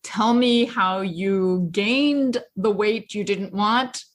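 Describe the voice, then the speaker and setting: A woman's voice: medium pitch, slow pace. A woman hosting a radio interview who asks direct questions, several at once. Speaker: radio show host, interviewer.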